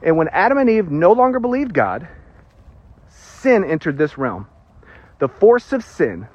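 Male preacher, high and lively, husky, casual teaching tone with jokes, dull lo-fi recording. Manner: animated, joking asides, emphatic pauses. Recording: dull lo-fi sound.

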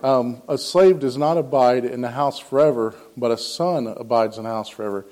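A man's voice: medium pitch, moderate pace, darkish tone. A man giving a casual personal testimony on scripture, rambling and earnest, with many ums and restarts. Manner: acts out quoted dialogue in a raised voice. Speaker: lay speaker sharing a devotional.

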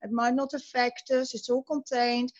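Older woman, lively and high old voice, interviewee on a slightly muffled online call. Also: moderate pace. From Netherlands. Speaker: exercise group member being interviewed. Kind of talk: interview over a video call. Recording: dull muffled call audio.

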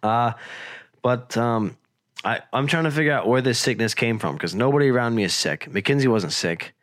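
A man's voice: mid-range voice, lively intonation, moderate pace, a bit bright, no room sound. A young man hosts a podcast while fighting a cold. He rambles and jokes in loose casual chat and swears freely. The sound is dry and close. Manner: rambling, joking, swears often. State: has a cold, voice lower and rough. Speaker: podcast host.

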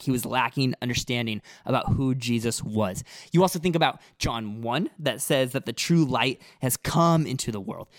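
A man's voice: medium pitch, no echo. A man co-hosting a casual Bible discussion, explaining passages earnestly and often repeating words as he thinks. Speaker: Bible study podcast co-host.

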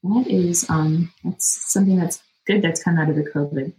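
A middle-aged woman with a low-pitched voice talks as a medical expert in an interview. Her explanations are casual and conversational, in plain everyday words. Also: moderate pace, warm tone, low-quality recording. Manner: informal, plain-worded, frequent "you know" and "like". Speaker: dermatologist podcast guest.

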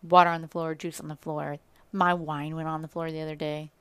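Chatty lower-voiced woman in casual chat. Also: level tone, brisk, smooth, no room sound. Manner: chatty, laughs easily. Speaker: product review show panelist.

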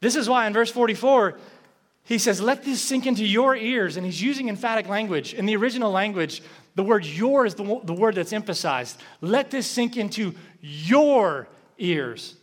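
A man preaching a sermon as pastor, animated, rising in emphasis and dropping soft. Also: high-pitched, a little fast.

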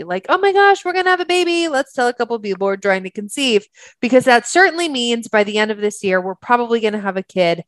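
A woman's voice: mid-range voice, a bit bright, dry recording. A woman hosting a podcast as a therapist, talking in an earnest, chatty way with many fillers. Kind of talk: conversational podcast monologue.

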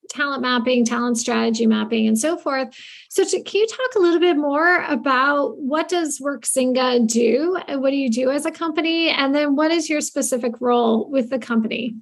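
A woman's voice: high-pitched, creaky. A woman co-hosting a podcast, who asks her guest questions in a curious way with many fillers. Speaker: podcast co-host. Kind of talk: casual interview talk.

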